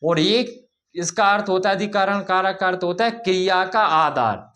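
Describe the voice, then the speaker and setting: A man explaining grammar in a lesson, asking questions and answering them himself, with informal, drawn-out explanations. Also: high voice, bright, forceful tone. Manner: repeats key points as questions and answers them. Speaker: teacher.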